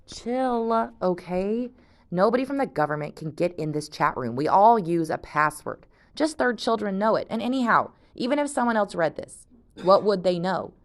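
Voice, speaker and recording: A woman reads aloud in a medium-pitched, animated voice at a moderate pace, lifting her pitch a bit above her natural speaking voice while staying close to everyday speech. She's voicing a confident, chatty teenage girl who waves off worries, and the mood is breezy and dismissive.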